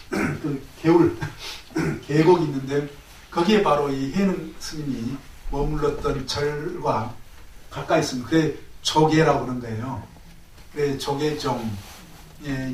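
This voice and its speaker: A man with a slightly high voice lectures to a class, often pausing to throw rhetorical questions at his listeners. He sounds set back from the mic in an echoey room, with faint room noise underneath. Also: recorded from a distance. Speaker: Buddhist college lecturer.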